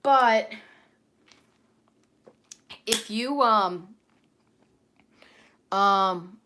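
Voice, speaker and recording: A woman's voice: medium pitch, drawn-out words, noisy background. A woman chatting casually on a home livestream, rambling and flustered, full of ums, sometimes dropping to a near whisper as she reads comments.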